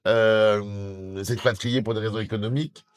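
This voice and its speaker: A man's voice: lowish voice, fairly even intonation, normal speed, smooth. A middle-aged man from southwest France answering interview questions as a documentary presenter, earnest and hesitant with many fillers and restarts.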